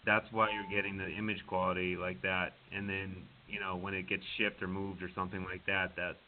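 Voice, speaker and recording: A man heard over the phone on a conference call, speaking haltingly and restarting phrases. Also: low voice, level tone. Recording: tinny phone line with faint hiss.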